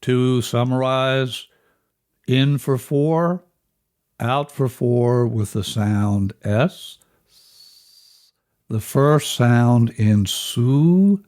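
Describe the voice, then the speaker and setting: A man leading a guided breathing lesson as instructor, measured and instructional, counting out each step. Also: medium pitch, darkish tone. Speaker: relaxation and breathing instructor, host.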